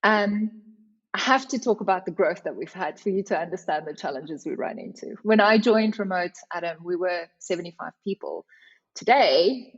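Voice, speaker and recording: A woman's voice: on the low side, moderate pace, breathy edge. South African woman, slightly muffled recording. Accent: South African (Afrikaans). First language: Afrikaans. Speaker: company representative, interview guest. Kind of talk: conversational podcast interview answers.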